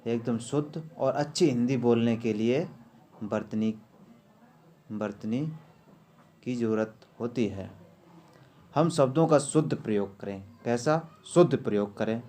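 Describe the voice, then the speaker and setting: A man's voice: mid-range voice, unhurried, long pauses, dark tone. A male teacher giving an exam-prep spelling lesson, repeating each word and quizzing his students. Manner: drills words by repeating them and quizzing students.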